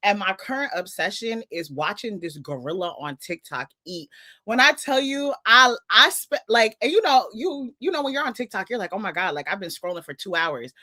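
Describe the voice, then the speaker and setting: Young woman, podcast co-host, casual animated storytelling, bright voice, dry close sound. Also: medium pitch, normal speed, dry recording. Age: 20s. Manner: animated storytelling, acts out dialogue. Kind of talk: casual chat.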